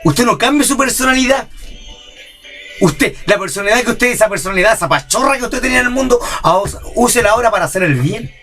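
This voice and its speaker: Impassioned high-voiced preacher. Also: male voice, lively intonation, fast, pushed and bright, faint music behind. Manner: impassioned, rhetorical "¿cierto?" questions, mimics church members. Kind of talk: sermon.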